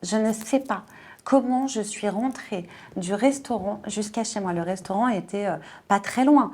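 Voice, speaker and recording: A woman in her forties giving a personal testimony in an interview, halting and emotional, often repeating words and filling pauses. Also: mid-range voice, a little mellow. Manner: emotional, earnest.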